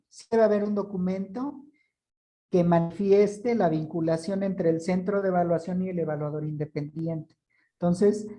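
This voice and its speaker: A woman's voice: on the low side, mellow, poor audio. A woman from a certification body, answering questions in an online meeting in a formal, explanatory way.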